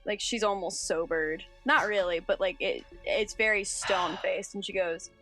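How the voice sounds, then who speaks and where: A woman describes her character's actions at a tabletop game, pausing often and filling gaps with "like" and "um." Her voice sits in the middle for her sex, with a faint bed of music behind her. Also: medium pitch, a bit bright. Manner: halting, filler-heavy narration of her character's actions. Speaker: player playing Ruthie. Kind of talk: tabletop role-play, in and out of character.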